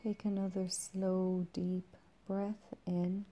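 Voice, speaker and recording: A woman guides a meditation in a soft, breathy and soothing voice that is very dark and relaxed. She speaks slowly, with long pauses, and keeps her pitch even and flat.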